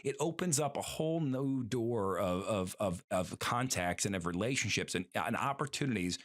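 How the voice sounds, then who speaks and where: A man's voice: fairly low pitch, animated, moderate pace, a bit bright. A man co-hosting a podcast in casual chat, rambling with many fillers and restarts. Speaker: podcast co-host.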